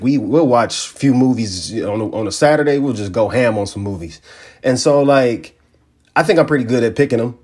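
A man co-hosting a tech podcast, chatting casually and telling stories with slang. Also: mid-range voice. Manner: laid-back, animated storytelling with slang. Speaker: podcast co-host. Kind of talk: casual chat.

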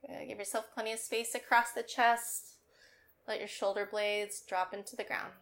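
A woman leading a guided yoga class as the instructor, cueing in a calm, meditative, unhurried manner. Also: mid-range voice.

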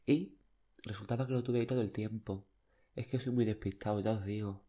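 A man's voice: on the low side, fairly even intonation, fairly quick, dark tone. A young man, telling childhood anecdotes in a chatty, flamboyant, dramatic way. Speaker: podcast host. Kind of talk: casual storytelling monologue.

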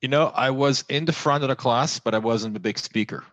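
A man's voice: medium pitch, fairly quick, fairly bright tone, no room sound, muffled recording. A middle-aged man from France, a tech entrepreneur talking as a podcast guest, fluent but with many fillers and restarts. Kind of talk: conversational interview.

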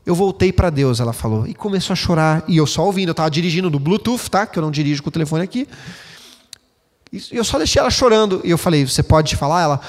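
A man preaching a sermon as pastor, expressive and speaking directly to the congregation. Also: high voice. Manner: expressive, acts out quoted voices, addresses the congregation directly. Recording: long hall reverb.

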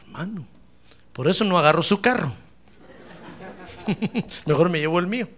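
A male pastor preaching a sermon in an animated way, mixing jokes with fervent calls to the congregation. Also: high voice, moderate pace.

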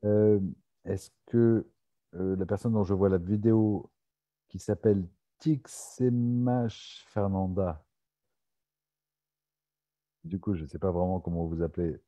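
A man hosting a live online question session, joking with callers and pausing often with fillers. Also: low-pitched, dark tone, dull audio. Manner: teasing, hesitant with many fillers. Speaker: webinar host.

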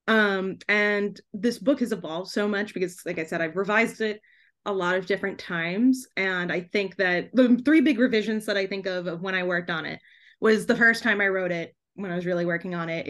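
A woman with a lowish, slightly bright voice chats casually as a guest author and podcast host in a podcast interview. She's giggly and effusive, leaning often on "like" and "kind of."

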